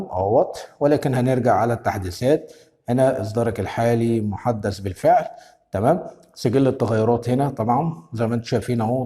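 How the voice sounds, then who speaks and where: A man with an Egyptian Arabic accent hosting a step-by-step phone tutorial, giving brisk instructions and constantly checking in with the viewer. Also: on the low side, mellow, big-room sound. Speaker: tech tutorial host.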